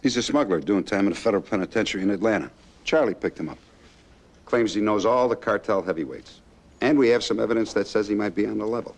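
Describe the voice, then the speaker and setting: A man's voice: fairly low pitch, fast. An actor playing a hard-nosed lawman briefing colleagues in a TV crime drama. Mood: brisk, businesslike.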